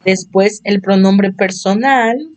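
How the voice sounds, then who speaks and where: A woman teaching beginner English at an unhurried, deliberate pace, her first language Spanish. She explains patiently and repeats each example so her students can follow. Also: mid-range voice, a little mellow. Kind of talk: slow explanatory online lesson.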